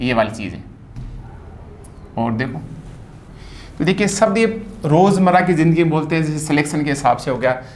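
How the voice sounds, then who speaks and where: A man teaching a phonetics lesson, spelling words out and repeating each sound slowly. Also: mid-range voice, slight background noise.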